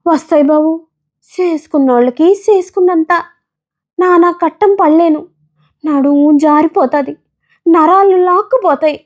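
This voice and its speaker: A woman's voice: very high voice, unhurried, pauses often, voice pushed up. A woman voicing a poor, resigned peanut-selling village woman with a coastal Andhra village dialect, crying out her wares. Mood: weary, resigned. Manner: shouting street-vendor calls, weary dialect speech.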